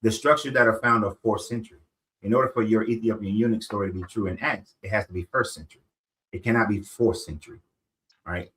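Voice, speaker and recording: A middle-aged man with a low voice lays out his point of view in a casual discussion. He explains step by step and checks in with rhetorical questions as he goes. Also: steady tone, fast talker, a bit bright, poor audio.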